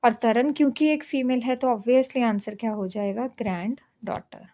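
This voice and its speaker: A woman's voice: on the high side, normal speed, dark tone. A woman teaching an exam-prep reasoning lesson, explaining step by step and often checking in with "okay". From India. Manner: patient, repeats "ठीक है" to check understanding.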